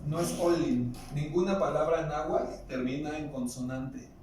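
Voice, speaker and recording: A man with a Mexican Spanish accent leads a classroom lesson, patiently explaining and asking his students questions. His voice sits a little high. He is picked up from across a strongly echoing room with faint background noise. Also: measured pace, a little mellow. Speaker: Nahuatl teacher. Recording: echoey room, distant mic, faint noise.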